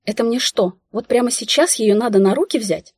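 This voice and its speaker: A woman narrating an audiobook in the first person, ironic and expressive. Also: a little high, brisk, slightly rough, no room sound, clean studio sound.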